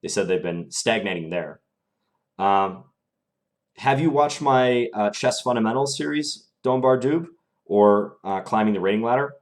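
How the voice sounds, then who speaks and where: Streaming live, a young man talks through his chess games and responds to viewers, relaxed and musing aloud. His voice is on the low side, slightly strained, and unhurried.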